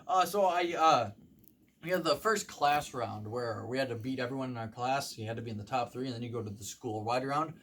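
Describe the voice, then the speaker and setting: A young man doing rambling stand-up comedy, halting with ums and likes and acting out the voices of people in his stories. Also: mid-range voice, fairly bright tone, a little hiss or hum. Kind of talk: rambling comic storytelling.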